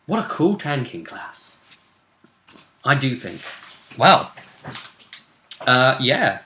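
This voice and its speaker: Speaking very slowly at a medium pitch, this tabletop role-play host runs through a game recap in a lively, conversational way, full of rhetorical questions. A slight hiss or hum can be heard.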